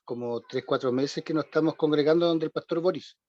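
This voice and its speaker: A church member from southern Chile, with a Chilean Spanish accent, greets the class on a video call and introduces himself in a rambling, hesitant way, with many restarts and soft laughs. His voice is a little high and a little fast, and the audio is dull and dry.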